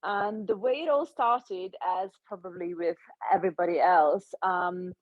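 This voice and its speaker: A woman in her thirties, from Hungary, telling her story as a guest in a conversational interview, thoughtful and pausing with soft laughs. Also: lowish voice, no echo, phone-quality sound. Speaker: guest, nutritional therapist.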